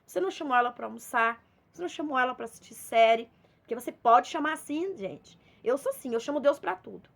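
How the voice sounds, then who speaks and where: A high-voiced woman with a Minas Gerais accent gives a relaxed devotional talk. She speaks in a chatty, storytelling way and slips into little acted exchanges as she goes. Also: fast talker, gravelly. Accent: Minas Gerais Portuguese. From Minas Gerais, Brazil. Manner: conversational, storytelling with acted dialogue. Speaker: preacher.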